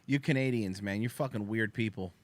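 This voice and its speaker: A man's voice: fairly low pitch, fairly quick, dry recording. A man co-hosting a podcast, joking and swearing casually. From United States. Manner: profane, joking. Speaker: podcast co-host. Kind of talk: casual banter.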